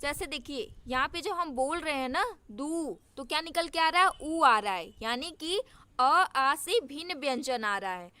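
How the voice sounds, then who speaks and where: A woman teaching a grammar lesson, explaining step by step, asking and answering her own questions and repeating examples slowly. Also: high-pitched, animated, bright, forceful tone, no echo.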